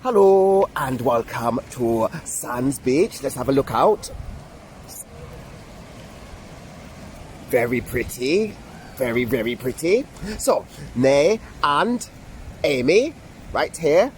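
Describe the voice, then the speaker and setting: A man voicing a chatty, excitable girl doll in a slow drawl, savouring and repeating phrases as the doll gives a playful tour for a children's video. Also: medium pitch, slight background noise. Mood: curious, pleased.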